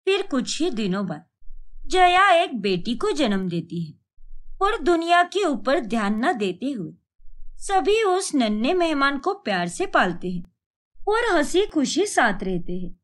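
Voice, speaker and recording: A woman narrating a cartoon moral story in a gentle, measured storytelling manner. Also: high-pitched, sing-song.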